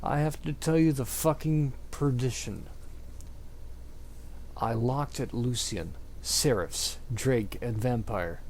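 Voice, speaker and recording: Taking his time, a man with a medium-pitched, somewhat mellow voice reads fan fiction in an exaggerated, theatrical, mock-dramatic way, giggling often. The recording has a slight hiss or hum.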